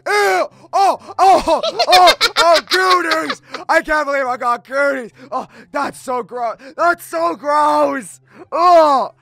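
A man's voice: very high voice, slow pace, creaky, raised voice, heavy background noise, heavily acted. A man voicing an edgy, brooding hedgehog in a comic dub, stammering and repeating himself in an overwrought way. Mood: disgusted. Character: edgy, brooding male hedgehog, panicky and easily disgusted.

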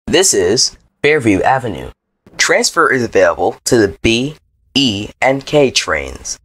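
A man reading scripted transit announcements like a subway or airport announcer, in a formal, measured manner. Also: mid-range voice, very animated, fairly bright tone, dry recording. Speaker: train announcer.

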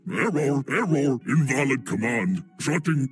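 A man's voice: mid-range voice, lively intonation, unhurried, breathy edge. A man voicing a malfunctioning mechanical automaton in a video game that glitches, repeating counts and error messages like a broken robot. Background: game music.

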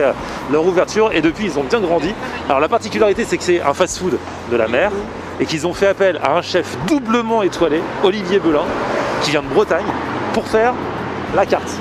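Fast-talking upbeat male food vlogger. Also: a little high, background noise. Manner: upbeat, animated presenter. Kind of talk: casual vlog chat. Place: street, then small restaurant. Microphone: handheld camera at arm's length.

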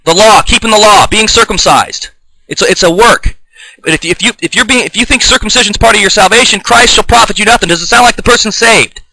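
A man giving an improvised, combative video sermon, reading scripture aloud, often restarting and clearing his throat. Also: high voice, fast, pushed and bright, no echo, poor audio. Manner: fired-up, combative, denouncing opponents. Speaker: self-taught online preacher.

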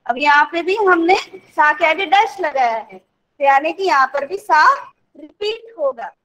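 A woman music teacher who sings sargam note names slowly and patiently explains each step of a raga song to her class. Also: high voice, animated, fairly bright tone, poor audio.

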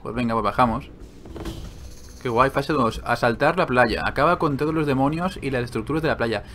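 A man giving casual gameplay commentary, excitable and quick to swear and joke. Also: medium pitch, a little hiss or hum. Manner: excitable, swearing, joking asides. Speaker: gaming video host.

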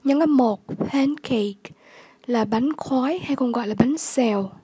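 A woman English tutor, slowly repeating vocabulary words and giving the word class, the stressed syllable and the meaning of each. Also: on the high side, dark tone, a little hiss or hum. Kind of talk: vocabulary lesson.

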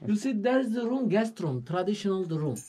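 Here a man's voice sits high and swings widely in pitch, mellow with a breathy edge, though the audio quality is poor. He's a local guide leading a tour outdoors and inside a mud-brick house, speaking broken English in short, halting phrases full of fillers.

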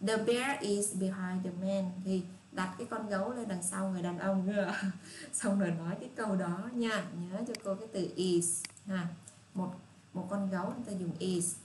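A woman with a Southern Vietnamese accent teaching children English, patient and repetitive, reading English phrases out slowly. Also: medium pitch, a little mellow. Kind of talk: casual spoken lesson for children. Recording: echoey room with faint hiss.

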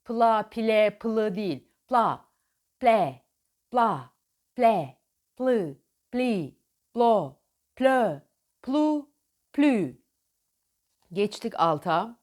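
A woman teaching diction, demonstrating articulation drills with slow, deliberately over-articulated syllables and plain instructions. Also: a little high, very animated, a little mellow.

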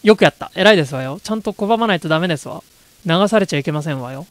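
A haughty noble lady, put on by a game streamer, commenting on a horror game. The speech is primly polite and judgmental, at an ordinary middle pitch. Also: lively intonation, racing, no room sound, natural voice.

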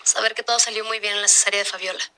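An actress playing a warm, modest obstetrician in a telenovela, with music underneath. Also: female voice, medium pitch, steady tone, rapid-fire, noisy background, close to an everyday voice. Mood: tender. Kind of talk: telenovela acting.

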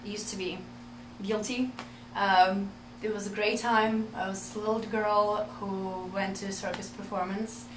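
A woman's voice: medium pitch, a bit bright, a little hiss or hum. A young woman from Russia, a guest chatting playfully in a comedy interview, laughing and hesitating with fillers. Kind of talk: casual interview chat. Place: indoor bedroom set. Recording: roomy room sound.

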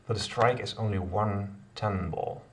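A lowish, slightly slow male voice belongs to a middle-aged man live-coding a kata at home. He reasons out loud with hesitation, frequent fillers and self-corrections. Recorded indoors in his home office, he sounds distant, and clear background noise mixes with typing and clicks.

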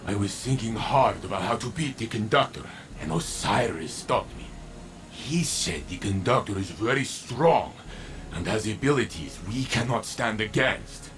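Saint-14, slow, deep earnest warrior. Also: male voice, lively intonation, a bit bright, a little hiss or hum. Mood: earnest, determined. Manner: halting, simple phrasing with emphatic pauses. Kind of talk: video game character dialogue. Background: music.

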